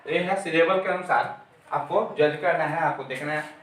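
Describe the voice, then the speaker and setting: Guy teacher going over grammar rules slowly, repeats stuff, boomy echo, mic kinda far. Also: fairly bright tone, a little hiss or hum. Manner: explains step by step, repeating key terms. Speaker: English teacher. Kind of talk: classroom grammar lesson. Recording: very echoey room, mic far off.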